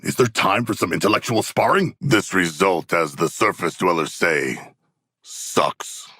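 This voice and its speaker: A man playing a hulking shark-man warrior in a video game, with a rough gravelly voice and stilted, formal, proudly bloodthirsty yet earnest speech. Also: deep voice, measured pace, pushed and bright, no room sound, clean studio sound, full character voice. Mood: dry, deliberate. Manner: stilted formal diction, grandiose, literal-minded. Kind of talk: video game character voice lines.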